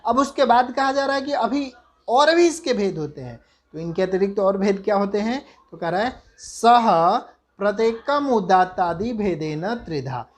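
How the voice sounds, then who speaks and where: A man lecturing on Sanskrit grammar. He asks himself questions, answers them, and chants the rules with long drawn-out syllables. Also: sits high, lively intonation. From India. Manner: slow, deliberate, chants sutras with drawn-out syllables. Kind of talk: university lecture.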